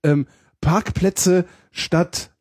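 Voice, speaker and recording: A man co-hosting a casual podcast chat, playful and quick with jokes. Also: high-pitched, steady tone, darkish tone, slightly rough, no room sound, clean studio sound. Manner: playful and joking, quick quips. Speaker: podcast co-host.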